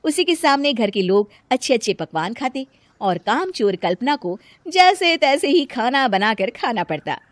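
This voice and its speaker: A woman's voice: a little high, very animated, normal speed, dry recording. Woman narrating a cartoon story. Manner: plain storytelling.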